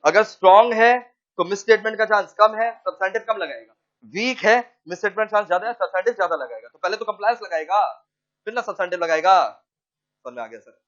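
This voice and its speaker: High-voiced animated male teacher. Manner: animated, quizzes students with rapid questions; mixes English phrases into speech. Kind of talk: classroom lecture. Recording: dull lo-fi recording.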